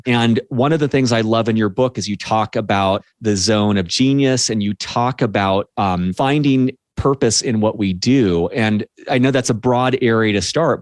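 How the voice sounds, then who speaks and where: A man's voice: lowish voice, no room sound. A man hosting an interview podcast, a military veteran who speaks reflectively and searches for his words. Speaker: podcast host. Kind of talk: interview conversation.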